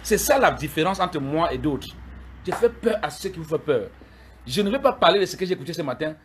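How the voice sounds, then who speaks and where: A middle-aged Cameroonian man streams live, ranting heatedly at his critics, addressing them directly and repeating himself. His voice is fairly high and sing-song, a little fast, with a breathy edge.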